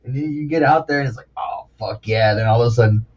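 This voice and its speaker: A man's voice: medium pitch, very fast, darkish tone, faint music behind. A man hosting a casual podcast chat, laid-back and casually swearing. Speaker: podcast host. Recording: muffled lo-fi podcast audio.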